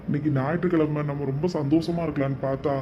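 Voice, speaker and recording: A man's voice: a little high, steady tone, quick pace, highs cut off, a little hiss or hum, close to an everyday voice. A man voicing a harried young husband in a cartoon, pleading with his quarrelling mother and wife. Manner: pleading, placating, soothing. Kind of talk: cartoon comedy voice acting.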